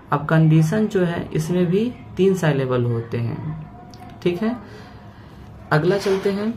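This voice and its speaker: A man teaching a grammar lesson. He breaks words into parts slowly and keeps checking in with "okay" after each point. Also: sits high, darkish tone, a little hiss or hum.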